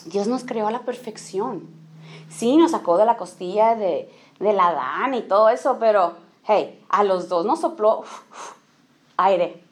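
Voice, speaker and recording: A woman's voice: mid-range voice, measured pace. A woman giving an informal church talk to women, often checking in with the audience, dropping in English phrases and acting out small scenes. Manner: acts out little quoted scenes. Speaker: speaker at a women's church gathering.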